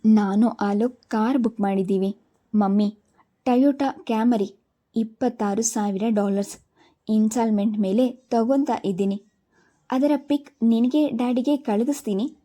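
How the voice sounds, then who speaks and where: A woman's voice: mid-range voice, a little slow, warm tone, lightly acted. Woman reading as an impatient grown daughter. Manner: impatient, dismissive. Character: self-absorbed young adult daughter living abroad.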